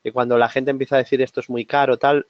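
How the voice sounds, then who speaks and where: A man from Spain with a sore throat presents a trading seminar in a halting, conversational way. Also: mid-range voice, flat delivery, dry recording, dull audio. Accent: Spain Spanish. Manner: hesitant, many fillers and restarts, conversational. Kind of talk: live market analysis webinar.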